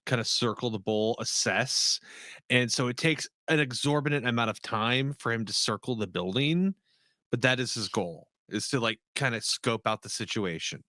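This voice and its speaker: A man's voice: lowish voice, bright, forceful tone, no room sound, clean studio sound. A man casually improvising as a player in a tabletop role-playing game, describing his character's moves.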